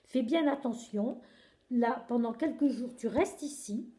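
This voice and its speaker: Woman doing a soft calm nurse mum, low and soothing, mellow voice, echoey room. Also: a little slow, lightly acted. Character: gentle calm mother nurse.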